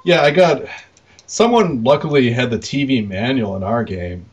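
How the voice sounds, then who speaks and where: A podcast co-host who operates arcade games talks shop in a mid-range voice with lively intonation and a moderate pace. The conversation is casual and unscripted, rambling with some mildly crude slang, and the recording sounds dull and lo-fi.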